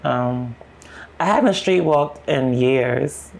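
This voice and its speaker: Gravelly young woman telling her story frankly. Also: rumbling low, takes it slowly, darkish tone. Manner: frank, run-on retelling with acted-out quotes. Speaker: podcast guest. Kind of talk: candid personal storytelling.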